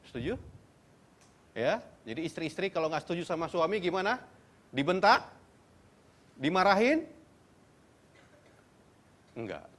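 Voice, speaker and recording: A man preaching a sermon at a church service, animated, acting out quoted speakers and rising into high, loud exhortation. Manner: animated preaching, climbs to high-pitched loud exhortation, mixes English words; acts out imagined speakers in quoted lines. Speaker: pastor.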